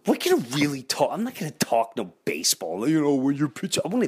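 A man's voice: medium pitch, husky. A middle-aged man hosting a baseball fan show, telling stories in a casual, informal way with emphatic repetition and acted-out quotes. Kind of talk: casual chatty storytelling to the audience.

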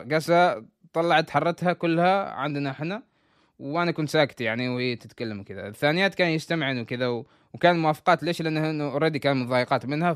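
A man's voice: on the high side, clean tone, no echo, studio quality. A man telling a story in a casual, chatty way, restarting sentences and dropping English words in.

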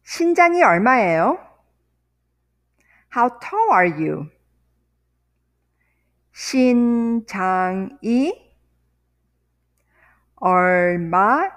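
A woman teaching vocabulary, saying each word slowly and deliberately, repeating words and sentences one piece at a time. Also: medium pitch, sing-song, fairly bright tone. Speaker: language teacher. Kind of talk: vocabulary lesson with repetition.

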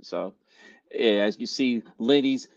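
Man, sports co-host, medium pitch, laid-back bro slang, repeated phrases, dry slightly muffled sound. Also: slow, no room sound. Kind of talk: casual sports chat and sponsor plugs. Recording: slightly dull, dry audio.

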